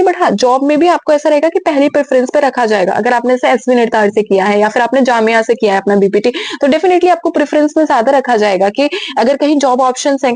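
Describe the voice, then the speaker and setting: A woman's voice: high-pitched, darkish tone, no echo. A young woman hosting a physiotherapy advice channel, answering viewer questions in a frank, direct, casual way. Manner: frank, direct, mixes English words into Hindi.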